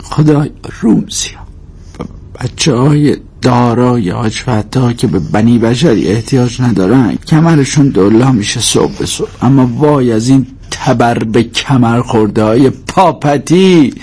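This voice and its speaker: A man's voice: a little high, expressive, darkish tone, breathy edge, pitched above the performer's own voice. A man doing a scolding old grandmother. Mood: grumbling. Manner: complaining, scolding, sighing. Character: sharp-tongued old grandmother of the household.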